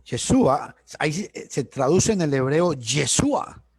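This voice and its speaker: A man's voice: a little high, very animated, takes it slowly, a little mellow, slightly rough, no echo. A man teaching church doctrine on a video call, emphatic and full of rhetorical questions, often restarting words.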